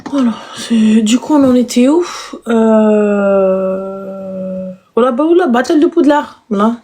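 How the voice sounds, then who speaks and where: A woman hosting a live stream, giving blunt advice in an animated, mocking tone full of rhetorical questions. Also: a little high, measured pace. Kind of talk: casual live stream chat.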